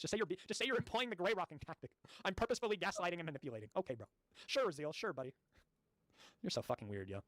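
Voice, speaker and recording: Fast-talking man reading with profane asides. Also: medium pitch, dry recording. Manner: stumbling over words while reading. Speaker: streamer. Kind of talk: reading documents aloud with live commentary.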